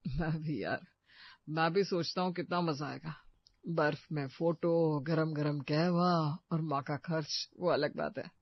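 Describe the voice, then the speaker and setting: Lady playing a chill young husband, voice dipped a bit lower, dull lo-fi sound. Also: unhurried, dry recording. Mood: reassuring. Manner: relaxed, reassuring.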